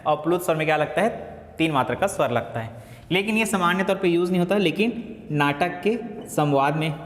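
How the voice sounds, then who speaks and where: A male teacher giving a classroom lecture, asking and answering his own questions and slowly repeating key phrases. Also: a little high. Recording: echoey classroom with long reverb.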